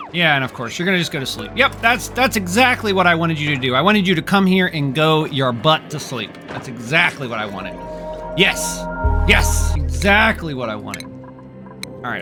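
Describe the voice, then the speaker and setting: A man narrating his game as he plays, sarcastic and exasperated, grumbling at his characters. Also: fairly high pitch. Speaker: gameplay streamer. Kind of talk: exasperated gameplay commentary.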